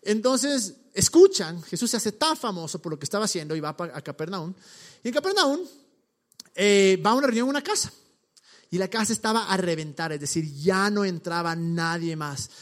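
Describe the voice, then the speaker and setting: A man's voice: high voice, animated, normal speed. A man preaching a casual, slangy sermon, telling the story and acting out the people in it. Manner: slangy, storytelling, acts out voices.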